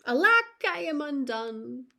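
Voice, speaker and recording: Woman reader as a sick old tailor, anxious and pleading, storybook voice, slow. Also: extremely high pitch, fairly even intonation, gravelly, a little mellow, pitched above the performer's own voice, heavily acted. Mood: distressed. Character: poor old male tailor, ill and fretful.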